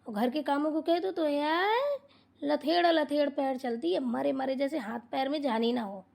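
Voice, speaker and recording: Woman voicing a shrill, nagging cartoon mother-in-law. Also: moderate pace, gravelly. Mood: complaining. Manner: scolding, shouting complaints. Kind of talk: cartoon voice acting.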